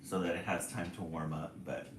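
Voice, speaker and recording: In a roomy-sounding recording with slight hiss or hum, a livestream host in his forties speaks at a moderate pace with a low, flat delivery. He keeps things casual and chatty, reading out viewer comments and laughing frequently.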